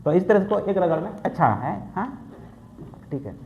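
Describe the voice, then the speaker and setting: A man's voice: high voice, very animated, normal speed, a little mellow. A male teacher with an eastern Hindi accent runs a rote drill in a coaching classroom, repeating and coaxing his students. The echoey room and tinny, phone-like sound give it a lo-fi feel, with faint room noise behind him. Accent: eastern Hindi, Jharkhand.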